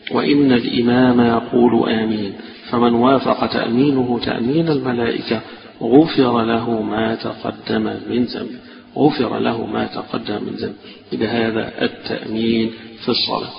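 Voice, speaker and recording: A man with an Egyptian accent teaching a mosque lesson, scolding his students and tripping over quick restarts. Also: steady tone, gravelly. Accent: Egyptian Arabic. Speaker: sheikh teaching a classical fiqh text. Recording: echoey mosque hall, dull low-fi recording with background hiss.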